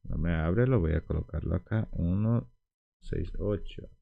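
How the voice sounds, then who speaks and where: Slow, deep-voiced man teaching a lesson. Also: creaky, dry recording, narrow, tinny audio. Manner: slow, patient, repeats words for drilling. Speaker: language teacher. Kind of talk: whiteboard language lesson.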